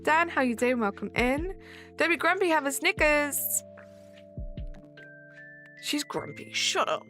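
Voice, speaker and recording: A young woman with a high, expressive, bright and forceful voice live-streams a game at an unhurried pace. She chats casually, reading and answering viewers' messages as she plays, with faint music in the background.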